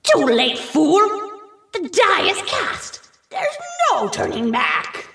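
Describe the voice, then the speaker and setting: A woman's voice: sits high, wildly swooping pitch, takes it slowly, gravelly, fairly bright tone, faint music behind, heavily acted. A woman playing a megalomaniac underground supervillain in a hammy amateur radio play, grandiose, gloating and theatrical. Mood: defiant. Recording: roomy echo, distant from mic.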